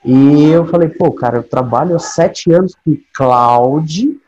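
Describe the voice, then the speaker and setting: On a podcast, a DevOps specialist in his late twenties chats casually as an interview guest, his Brazilian Portuguese accent clear. His voice is a little high, a little slow and a little mellow, and he sprinkles in slang and tag questions. The recording has a dull lo-fi quality with faint noise.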